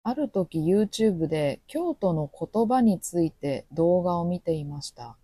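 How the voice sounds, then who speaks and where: A woman teaching Japanese with a Kansai accent, speaking slowly and clearly and acting out short quoted lines. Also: lowish voice, very animated, dark tone, dry recording. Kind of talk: podcast language lesson.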